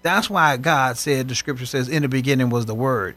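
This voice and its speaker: A man co-hosting a faith broadcast, preaching in animated conversation and acting out voices from scripture stories. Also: mid-range voice, fairly quick, no echo, faint music behind.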